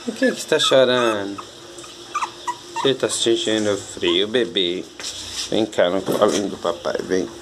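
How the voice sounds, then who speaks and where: A man talking in soothing baby talk to a crying puppy, asking the same gentle questions over and over. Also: on the low side, expressive, measured pace, long pauses, noisy background. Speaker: puppy owner filming his dogs. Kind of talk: home video, talking to a puppy.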